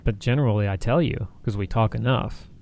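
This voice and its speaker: Tired man talking haltingly. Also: on the low side, a little mellow, slight background noise. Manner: halting, restarts often, tired. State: mentally exhausted. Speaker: streamer and co-host. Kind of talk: casual chat on a livestream.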